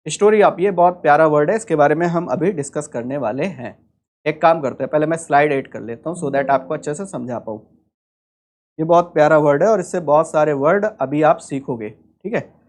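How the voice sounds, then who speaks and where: This man speaks at a normal pace in a slightly high, slightly mellow voice with an Indian accent. He teaches English vocabulary in an online exam-prep lecture, explaining step by step and posing rhetorical questions to the class.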